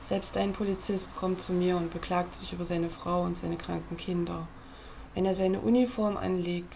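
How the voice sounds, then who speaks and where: A woman reading a book aloud at a computer, in a measured, earnest way, as if speaking straight to the listener. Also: on the low side, vocal fry, darkish tone, a little hiss or hum. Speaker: reader.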